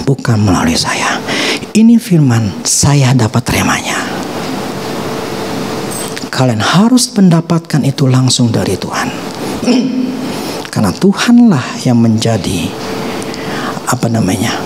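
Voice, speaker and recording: A man's voice: mid-range voice, takes it slowly, long pauses, background noise. A man in his forties, a pastor from Indonesia, preaching a sermon in casual slang. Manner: animated, preaching in casual slang with acted quotes.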